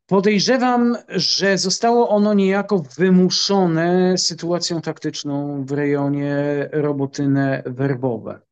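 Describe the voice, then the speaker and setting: A middle-aged man from Poland, a military analyst answering interview questions in a measured, halting way with many filler pauses. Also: fairly high pitch, steady tone, clean tone, lo-fi sound.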